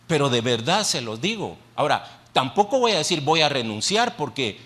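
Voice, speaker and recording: A man's voice: mid-range voice, sing-song, moderate pace, fairly bright tone. A man preaching a sermon. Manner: conversational preaching, asks the congregation questions; repeats phrases for emphasis. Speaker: pastor. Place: church. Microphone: handheld microphone.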